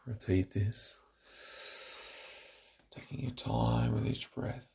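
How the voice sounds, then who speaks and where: A man with a gravelly, warm, medium-pitched voice narrates a scripted guided relaxation, soothing, deliberate, and instructional.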